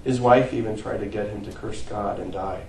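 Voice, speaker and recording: Male pastor, mellow tone, earnest sermon delivery, recorded from a distance in an echoey church. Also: fairly low pitch, fairly even intonation, moderate pace, gravelly, slight background noise. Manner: earnest preaching, rising to emphatic peaks and dropping to quiet phrase ends. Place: church sanctuary.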